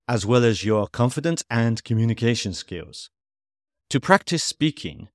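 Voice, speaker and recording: A man teaching English in a scripted podcast lesson, reading at a steady, measured pace and spelling out examples clearly. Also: medium pitch, no echo, studio quality.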